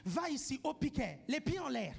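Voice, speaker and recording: A man's voice: extremely high pitch, sing-song, normal speed, gravelly, voice pushed down, full character voice. Stern schoolteacher woman, as a man quotes her. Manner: stern, threatening. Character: stern female schoolteacher scolding a small boy.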